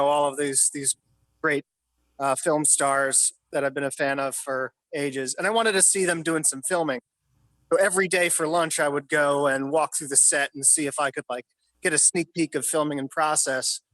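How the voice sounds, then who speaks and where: In his New York City apartment, a man in his thirties who works in film tells casual, filler-heavy stories from sets as an interview guest, swearing now and then. His voice is fairly high and fairly bright, and the recording is dry.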